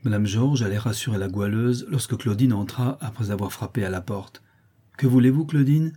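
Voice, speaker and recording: A man narrating a classic novel as an audiobook, in a measured, even storytelling manner. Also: lowish voice, slightly rough.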